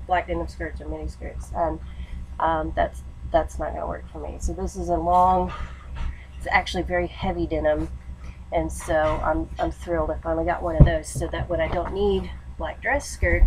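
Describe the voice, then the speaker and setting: Here an allergy-congested woman in her twenties, a vlogger studying education, talks casually through a haul video in a lowish voice. The setting is a small room at home lit by a lamp. Audio quality is poor: a desk-distance webcam or laptop mic captures background room noise and a television.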